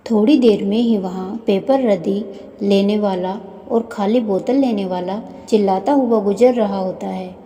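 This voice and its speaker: A woman narrating a moral storybook tale in a measured, even way. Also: medium pitch. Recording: long hall reverb.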